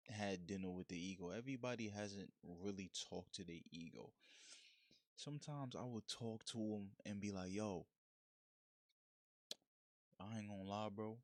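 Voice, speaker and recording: A man hosts his own podcast in a relaxed, slangy monologue, speaking frankly and plainly. His voice sits on the low side, and the sound is dry and close with no room around it. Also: no echo. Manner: frank, slangy, laid-back street talk. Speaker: podcast host. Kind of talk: casual solo monologue.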